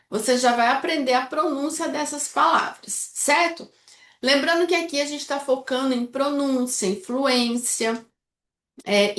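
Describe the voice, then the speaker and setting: A woman from Brazil with a high voice teaches an online lesson, walking through steps one at a time and pausing often to check that the viewer follows. Her voice bounces a little off the walls of an echoey room. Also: a bit bright. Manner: explains step by step with frequent checks like "tá?" and "certo?". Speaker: English teacher. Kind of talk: instructional video lesson.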